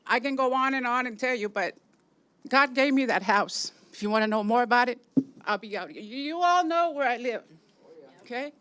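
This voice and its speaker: A woman's voice: on the high side, normal speed, a bit bright, dry recording. An older woman from San Francisco giving a rambling, chatty public comment at a city meeting, laughing between points.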